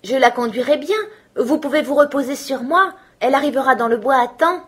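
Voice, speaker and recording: A tiny, clever boy pipes up in a high, chirpy voice, as a woman reads him. He calls out eagerly and boldly in this storybook tale. A husky grain runs under the brightness. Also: brisk.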